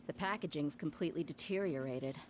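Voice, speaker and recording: A woman's voice: sits low, a little fast, a little hiss or hum, natural voice. A woman playing a tough, blunt young mercenary in a video game, casual and sardonic. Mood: wry, unimpressed. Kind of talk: video game character acting.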